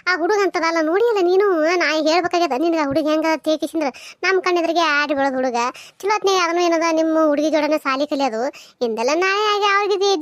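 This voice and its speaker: Voicing a cartoon character, a woman plays a fretful middle-aged village mother who scolds and laments in a piercingly high, natural-sounding voice. The words pour out in a rapid rush, carrying a North Karnataka Kannada accent.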